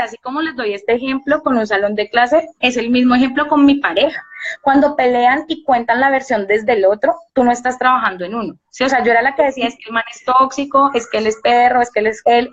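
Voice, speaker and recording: A woman's voice: on the high side, highs cut off. A young woman, a university teacher talking earnestly and reflectively as a guest in a casual live-stream chat. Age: young adult.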